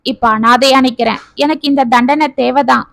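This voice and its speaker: Woman acting regretful grown son, sorrowful, self-reproaching, high pitch. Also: steady tone, moderate pace, vocal fry, a bit bright, no room sound.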